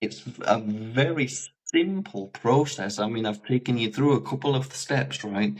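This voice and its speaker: A man's voice: mid-range voice, a little slow, poor audio. An English man, a life coach, telling stories in casual conversation, acting out the dialogue. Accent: British English. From England. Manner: animated, acts out quoted dialogue with laughs. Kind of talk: conversational storytelling.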